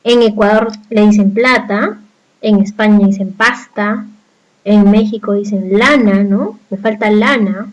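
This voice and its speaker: A Peruvian woman with a Peruvian Spanish accent teaches a recorded class, walking students through each step and often posing rhetorical questions. Her voice is medium-pitched and fairly even, a little slow, with the highs cut off.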